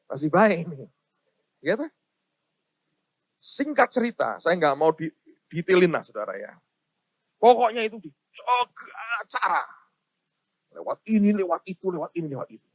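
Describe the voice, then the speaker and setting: Middle-aged male preacher, high husky voice, storytelling sermon. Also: sing-song, normal speed, long pauses, no room sound, clean studio sound. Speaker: pastor.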